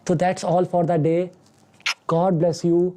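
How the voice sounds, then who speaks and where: Male maths teacher with a warm, mellow voice, fatherly and fond of rhetorical questions, giving an online class pep talk. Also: sits high, flat delivery, very slow. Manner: fatherly, addresses students as beta, asks rhetorical questions.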